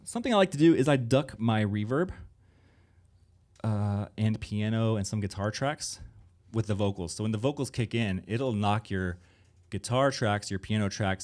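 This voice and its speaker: A man with a somewhat low voice gives a live workshop in a conference room. He talks casually and rambles, with plenty of fillers and asides as he explains his production tricks to the audience. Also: darkish tone. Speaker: music producer and engineer giving a workshop.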